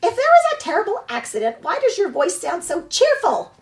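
A woman reading aloud takes on a bossy old goose from a storybook. She squawks high and loud, firing off advice in quick, scolding bursts. Her voice leaps about with lively swings. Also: full character voice. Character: old gray female goose, bossy and blunt.

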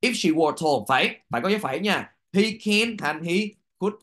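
A man's voice: fairly high pitch, moderate pace. A man from Vietnam, teaching an English exam review lesson and often asking "được chưa?" to check that students follow. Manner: lively teacher's voice with sudden rises.

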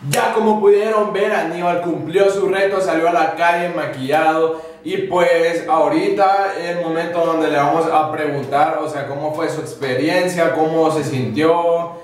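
An upbeat young man hosts a casual vlog, a little high in pitch. His voice rings around a bare room and reaches a distant camera. Music sits under the talk. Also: fairly even intonation, normal speed, heavy reverb. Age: young adult. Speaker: vlog host.

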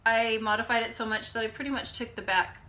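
Bright nasal-voiced woman chatting. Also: on the high side, fairly even intonation, fast, a little hiss or hum. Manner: chatty, laughs easily. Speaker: podcast co-host. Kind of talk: casual chat. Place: home room, recorded on a phone.

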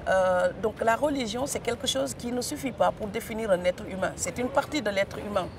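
A woman's voice: medium pitch, a little fast, crowd noise. A woman from Senegal with a Senegalese French accent and rolled R's, speaking emphatically with frequent hesitations as an interview guest. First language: Serer. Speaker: author guest. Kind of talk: studio interview.

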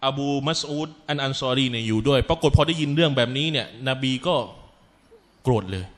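A male Islamic lecturer giving a religious talk, retelling stories in a lively way, mixing in Arabic phrases and calling his listeners brothers and sisters. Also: mid-range voice, brisk.

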